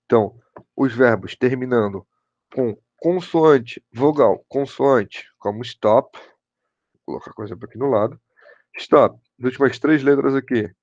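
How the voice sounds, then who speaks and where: Brazilian male teacher, gravelly, keeps checking in with his class; dry lo-fi recording. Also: mid-range voice, unhurried, a little mellow, no echo. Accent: Brazilian Portuguese. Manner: repeats "show de bola" and "pessoal", checks in with students. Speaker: English teacher. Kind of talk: online class explanation.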